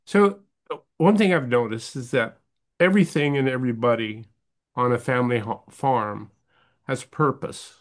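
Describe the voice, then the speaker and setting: A man's voice: mid-range voice, normal speed. A man interviewing two dairy farmers, asking questions in a friendly, curious way.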